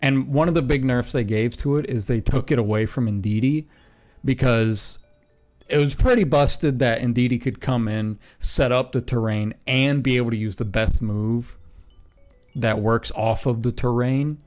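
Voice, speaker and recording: A relaxed male streamer in a mid-range voice muses aloud, pausing on ums and correcting himself as he goes. His talk is casual and unscripted. Faint music plays underneath. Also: medium pitch. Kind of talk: casual stream commentary while building a team.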